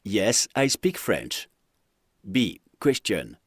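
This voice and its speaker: A man's voice: lowish voice, sing-song, very slow, dry recording, clean studio sound. A man narrating a French lesson, reading example phrases aloud with careful pronunciation. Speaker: French teacher. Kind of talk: slow scripted lesson narration.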